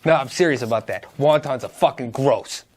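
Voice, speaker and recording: A man's voice: mid-range voice, brisk. A man in a casual comedy chat, complaining bluntly and swearing often. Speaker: panelist.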